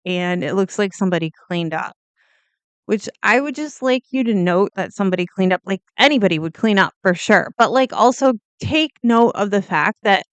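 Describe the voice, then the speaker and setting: A woman in casual commentary who talks bluntly and wanders into side remarks. Her voice is smooth and resonant. The recording is dry, with no room sound around it. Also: medium pitch, no echo. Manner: blunt, chatty, swears, goes off on tangents. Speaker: true crime video host. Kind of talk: casual true crime commentary.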